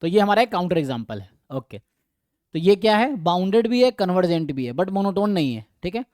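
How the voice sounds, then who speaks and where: A male math teacher with an Indian accent teaches a live online lecture, walking through every step and quizzing his students. His high, smooth, clear voice is sing-song, a little fast, and a little mellow, recorded dry and close with no room echo.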